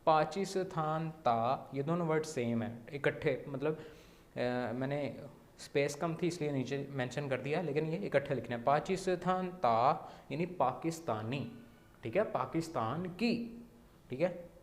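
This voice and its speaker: A man with a Pakistani Urdu accent teaching Mandarin, slowly repeating sounds and often checking with "theek hai". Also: a little high, echoey room. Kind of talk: language lesson explaining words.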